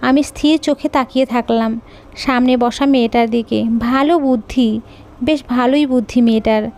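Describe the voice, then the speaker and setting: A woman telling a scripted audio story in the first person, in a calm, measured way. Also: fairly high pitch.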